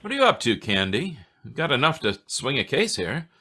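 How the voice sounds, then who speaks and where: A man's voice: mid-range voice, sing-song, brisk, sharp tone. A man playing an easygoing homicide police inspector in an old-time radio detective drama, wry and matter-of-fact. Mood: puzzled.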